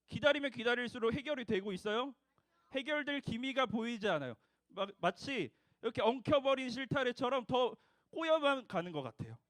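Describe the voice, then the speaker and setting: A man's voice: very high-pitched, fairly bright tone, no room sound, clean studio sound. A young man preaching a sermon to children, asking them questions and having them repeat after him. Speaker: junior preacher for a children's service.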